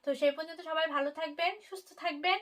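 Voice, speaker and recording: High-voiced woman teaching patiently. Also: fairly even intonation, fairly bright tone. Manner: repeats example words slowly and deliberately. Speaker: language teacher. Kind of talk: explanatory online lesson.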